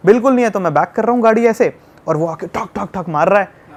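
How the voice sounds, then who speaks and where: High-pitched guy from delhi telling his story all animated, casual podcast chat. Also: fast talker. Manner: animated, acts out shouting in the retelling. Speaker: travel youtuber guest.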